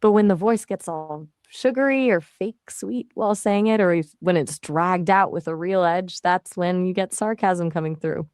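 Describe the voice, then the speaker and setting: A synthetic woman's voice, a fairly low AI assistant that answers questions in an easygoing, conversational manner. She talks in a chatty way with casual fillers. The sound is close and dry, with no room around it. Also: normal speed, hardly any pauses, a little mellow, dry recording.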